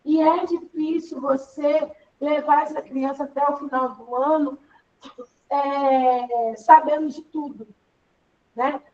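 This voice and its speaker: A woman's voice: sits high, fairly even intonation, slow, a little mellow, far from the mic, lo-fi sound. A woman teaching an online class in a chatty, rambling way, full of fillers.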